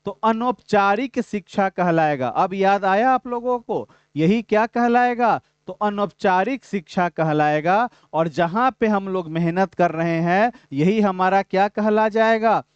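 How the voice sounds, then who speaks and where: A man's voice: high voice, measured pace, hardly any pauses, clean tone, no room sound, dull audio. A man teaching a live online exam-prep class, asking the class questions, answering them himself and reading out students' names.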